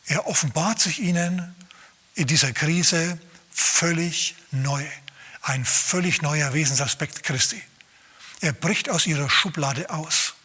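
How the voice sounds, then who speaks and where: A male pastor preaching a lively, emphatic sermon, acting out scenes as he goes. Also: a little high, slow, husky.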